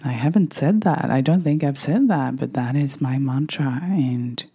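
Woman, motivational podcast host, hoarse and mellow, slow delivery with soft whispered asides. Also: very deep voice. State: voice going hoarse. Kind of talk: motivational solo podcast talk.

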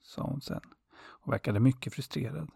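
A man narrating a fairy tale in a calm, unhurried, softly expressive way, with a husky voice. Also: medium pitch, dry recording, studio quality. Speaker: storyteller.

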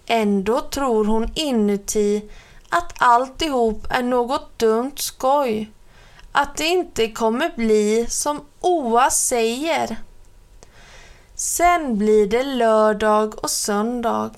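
A woman gently reading a children's book aloud. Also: fairly high pitch. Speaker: narrator.

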